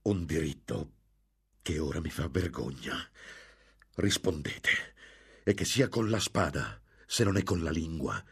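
A man voicing a hot-tempered young nobleman who shouts and challenges. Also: rumbling low, animated, unhurried, pauses often, husky, heavily acted. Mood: indignant. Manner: urgent, shouting.

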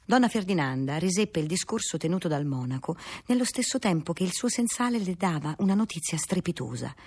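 A woman narrating a classic novel in a measured, steady reading voice, husky in tone. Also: fairly low pitch.

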